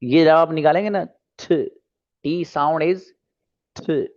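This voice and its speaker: Male online tutor, unhurried, repeats each word, dull lo-fi class audio. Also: on the high side, steady tone, a little mellow. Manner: slow, drills words by repeating them. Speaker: online English teacher. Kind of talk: online pronunciation lesson.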